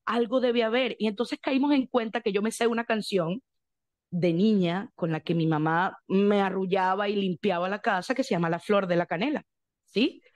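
A young Venezuelan woman, a guest in an interview, telling her story in lively detail, acting out quotes and breaking into song. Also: mid-range voice, moderate pace. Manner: animated storyteller, acts out quotes, bursts into song.

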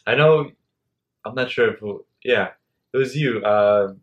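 A man's voice: medium pitch, a little slow, highs cut off. A young man hosting a casual interview, speaking with a stutter, with blocks and repeated words. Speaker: host.

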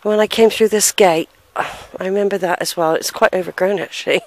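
Fairly quick and fairly even in intonation, a middle-aged woman with a mid-range voice narrates a casual walking vlog through a country churchyard. As an unseen family history vlogger holding the camera, she muses hesitantly, sighs, and reads the gravestones aloud.

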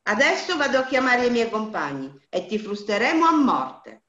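A woman's voice: a little high, very animated, normal speed, pitched above the performer's own voice. Woman barking as a savage brigand chief. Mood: furious. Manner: shouting harsh orders. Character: brutal male brigand chief, vengeful. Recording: dull lo-fi roomy recording.

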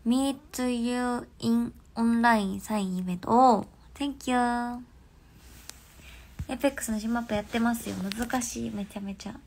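A young woman chats on a phone livestream in a raised, gravelly voice with plenty of fry. Her nose is stuffed up, so her speech sounds nasal. She talks in a relaxed, rambling way and keeps slipping into soft half-whispers. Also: on the high side, measured pace. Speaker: livestream host. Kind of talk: casual livestream chat.

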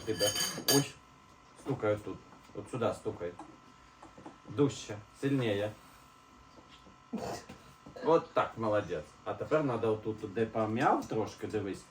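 A man's voice: on the low side, moderate pace, pauses often. A man at home, chatting casually and patiently guiding a small child through a task. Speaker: parent at home. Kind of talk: casual family chat with a toddler. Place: home kitchen. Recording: echoey room, distant mic, faint noise.

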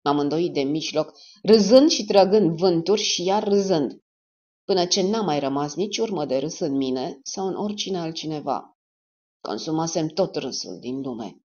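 Low-voiced woman reading a crime audiobook. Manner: steady, measured reading with lively rises and dips. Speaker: audiobook narrator. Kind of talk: dramatic audiobook narration. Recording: slightly dull lo-fi recording.

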